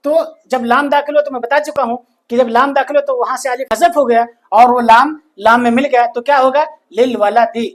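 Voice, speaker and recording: A man teaching a grammar lesson, slowly repeating each phrase and answering his own questions. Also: very high-pitched, steady tone. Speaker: Arabic teacher.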